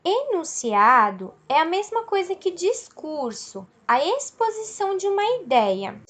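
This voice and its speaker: A woman's voice: extremely high pitch, very animated, unhurried, fairly bright tone. A woman teacher giving a recorded video lesson, explaining step by step and asking and answering her own questions. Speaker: school teacher.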